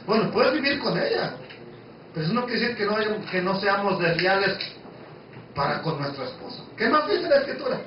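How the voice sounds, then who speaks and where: A man with a very high voice preaches a Bible study in an emphatic, conversational way and keeps asking his listeners questions. His voice booms around a very echoey room, picked up from some distance off. The sound is a bit dull, with a faint hiss underneath. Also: very animated, a little fast.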